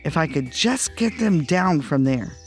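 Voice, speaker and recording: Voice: mid-range voice, expressive, a little slow, soft background music. A narrator voicing a hot-tempered, grumbling male cartoon duck uncle in a children's storybook, exclamatory and indignant.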